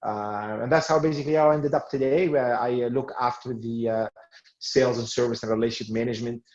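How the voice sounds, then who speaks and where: A man's voice: mid-range voice, steady tone, fast talker, a little mellow. A man from Tunisia in his forties answers interview questions, often restarting with fillers along the way. His voice sits in a middle register. The recording sounds roomy and a little dull, like a lo-fi call. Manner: hesitant, many fillers and restarts. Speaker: guest, sales manager in finance.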